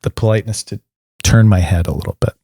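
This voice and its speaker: A man's voice: fairly low pitch, fast talker, no room sound, studio quality. A man in his thirties co-hosting a podcast, chatting playfully and laughing often. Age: 30s. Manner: playful, laughs often, animated game-show patter. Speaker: podcast co-host. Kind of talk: casual podcast chat.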